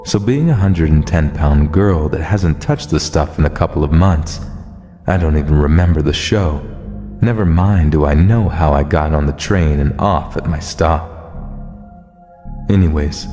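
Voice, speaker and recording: Deep-voiced man reading a horror story. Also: normal speed. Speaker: narrator. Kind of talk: scripted horror story narration. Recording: long reverb over music. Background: soft music.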